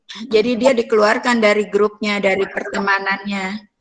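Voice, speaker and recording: A woman lecturer giving feedback in a counseling class, her voice at a middle pitch. She talks in a thoughtful way, stopping often to search for her words. Faint noise sits under the recording. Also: fairly even intonation, low-quality recording. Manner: thoughtful, many fillers and pauses.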